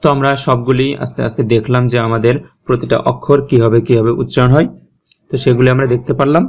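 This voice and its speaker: Male recitation teacher, mid pitch, calm and repetitive, slightly muffled lo-fi recording. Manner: patient, repeats sounds slowly, checks in with "okay?". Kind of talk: step-by-step tajweed lesson.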